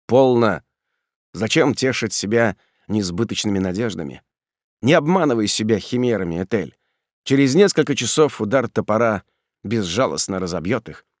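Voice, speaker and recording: A man's voice: on the low side, expressive, moderate pace, no room sound, close to an everyday voice. Audiobook: male reader as a bitter condemned young man, cold and restrained, dry close sound. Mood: resigned. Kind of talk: audiobook reading.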